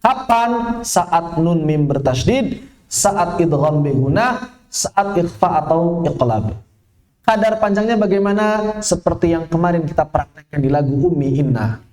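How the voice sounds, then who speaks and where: Guy teaching quran recitation, high voice, slow and patient, echoey room. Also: animated, a little mellow. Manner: patient, demonstrates sounds slowly and sings examples. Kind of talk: tajwid lesson with recited examples.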